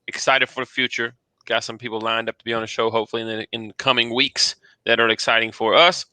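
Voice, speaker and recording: Crisp, sharp-toned laid-back man. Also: mid-range voice, little pitch movement, fast, dry recording. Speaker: podcast co-host. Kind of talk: casual podcast chat.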